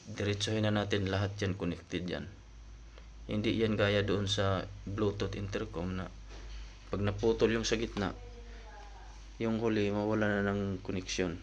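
This man vlogs casually, walking viewers through things step by step in an informal way. His lowish voice keeps a fairly even intonation, runs a bit slow with long pauses, and carries a little hiss or hum.

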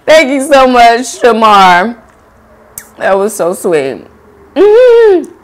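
Woman, mukbang host, giggly casual chat, very animated voice. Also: on the high side, extremely slow. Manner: chatty, giggly, reads viewer comments aloud. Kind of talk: casual chat while eating on camera.

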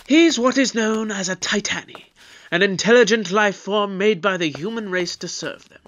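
A man's voice: high voice, moderate pace. A man voicing the Doctor, an ancient male time traveller, speaking in an airy, condescending, lecturing way. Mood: breezy. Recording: loud music bed under voice.

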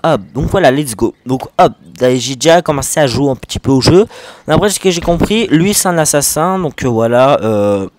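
A man with a French accent giving a casual, rambling gameplay tutorial, talking fast and swearing constantly. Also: mid-range voice, expressive, a little mellow, dry recording. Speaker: gaming video host.

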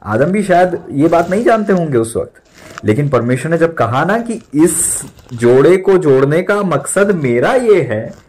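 A man's voice: on the high side, very animated, a little slow, a little mellow. A young man in his twenties preaching an emphatic sermon as a pastor, mixing in English words and repeating lines for stress.

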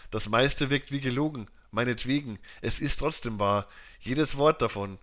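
A man voicing a weary, famished Victorian gentleman inventor who speaks curtly and insistently in a fairly lively, raised voice. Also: mid-range voice, lightly acted. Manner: curt, insistent.

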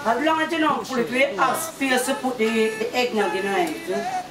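A woman's voice: a little high, expressive, moderate pace. Jamaican woman cooking in an echoey kitchen. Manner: chatty, explains as she works. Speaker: home cook. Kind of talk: casual cooking demonstration. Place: home kitchen, indoors. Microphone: far camera. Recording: echoey kitchen, distant mic, loud music.

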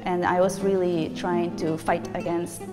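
Speaking to camera in a large, bright indoor gallery, an Argentine artist in her forties, a native Spanish speaker, reflects earnestly on her work and gestures while she talks. Her pitch is fairly low with little movement and an unhurried delivery. A long reverb tail trails her words, and music plays in the background.

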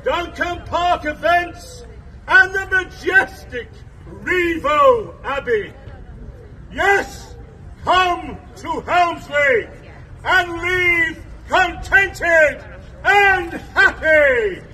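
A middle-aged man from England bellowing a ceremonial herald's proclamation as a town crier, declaiming in drawn-out phrases outdoors. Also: very high voice, expressive, pushed and bright. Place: open-air bandstand in a town square. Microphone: camera phone several metres away. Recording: outdoor phone recording from a distance, background noise.

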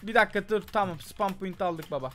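A man hosting a casual gameplay video, talking fast and getting exasperated, often breaking into shouts. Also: sits high, faint music behind. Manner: excitable, exasperated outbursts, frequent shouting. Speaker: gaming channel host.

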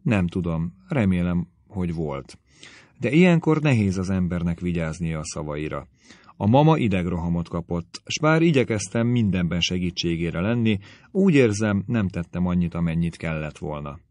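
A man voicing a gentle, careful young woman, the elder sister, in a measured audiobook reading. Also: low voice, expressive, no room sound. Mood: anxious.

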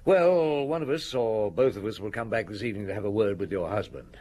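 An actor playing a seasoned, shrewd police inspector in a radio drama, speaking in a deliberate, thoughtful manner. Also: male voice, fairly low pitch, mellow, lightly acted. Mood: probing. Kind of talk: radio drama acting, dialogue and recollection.

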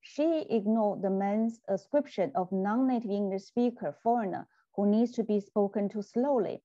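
A woman gives an academic talk over a video call. She explains points in a measured, deliberate way. Her voice is warm and mellow, and the audio sounds dull and dry. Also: mid-range voice, dry recording. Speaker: guest lecturer.

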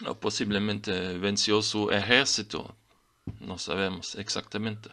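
Slow, bright-voiced man explaining glyphs. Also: fairly low pitch, steady tone. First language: German. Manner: slow, deliberate reading of glyph names. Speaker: teacher of Maya writing. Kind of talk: explanatory lesson.

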